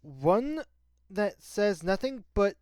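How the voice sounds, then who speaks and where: A player voicing a gruff, bumbling male police detective in a lowered, tough-guy drawl while reading game dialogue aloud with friends. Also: sing-song, slow pace, darkish tone, dry recording, clean studio sound. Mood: chummy, loyal.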